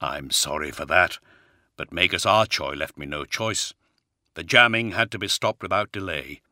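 A calculating, soft-spoken commander, voiced by a male narrator, speaking in a low, measured, confiding tone. The voice is very deep with a crisp, forceful brightness. The recording is dry and close. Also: dry recording.

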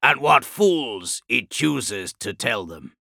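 Gravelly, tense, slow-spoken wounded commander, cold and bitter, as a male narrator puts him on in a storybook reading. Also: mid-range voice, animated, pushed and bright, dry recording, clean studio sound, full character voice. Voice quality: raspy, gravelly. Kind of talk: audiobook character voice.

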